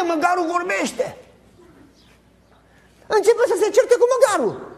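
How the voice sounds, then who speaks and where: Un pastor de vârstă mijlocie care predică animat, cu întrebări retorice către adunare și replici jucate. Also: male voice, extremely high pitch. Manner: animated, emphatic preaching with acted-out dialogue; addresses congregation directly with rhetorical questions. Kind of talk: sermon.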